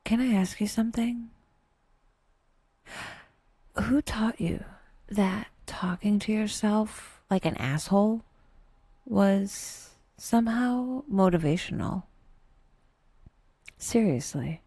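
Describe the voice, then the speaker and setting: A woman narrates a scripted guided meditation in a soft, breathy, mid-range voice, leaving unhurried pauses. Her wry, dry humor runs through it. There's no echo.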